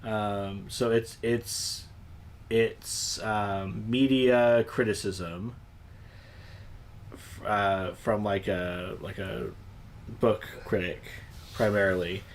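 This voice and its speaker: A man's voice: lowish voice, little pitch movement, slow pace, a little hiss or hum. A young man co-hosting a late-night livestream, chatting casually with many fillers and restarts. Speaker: livestream co-host. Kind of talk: casual chat.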